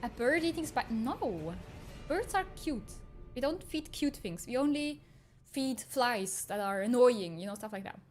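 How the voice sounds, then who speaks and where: A male streamer uses a voice changer that makes him sound female, playing a teasing, sarcastic AI avatar who chats casually with viewers. The voice is very high-pitched and exaggerated, with big pitch swings at a measured pace. Faint game soundtrack music plays behind him.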